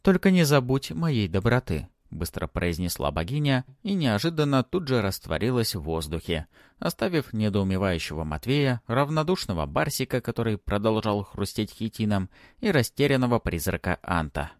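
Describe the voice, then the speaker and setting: A man's voice: on the low side, moderate pace, no echo. A man narrating a fantasy audiobook expressively, close to the microphone. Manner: expressive, acts out every voice.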